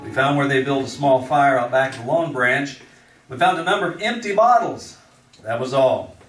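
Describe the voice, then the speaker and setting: Actor as Matt Dillon, firm frontier marshal. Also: male voice, mid-range voice, moderate pace, soft background music, close to an everyday voice. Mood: matter-of-fact. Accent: American. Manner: dry, steady, commanding. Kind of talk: 1950s radio western acting and narration. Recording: noisy, echoey old radio recording, distant.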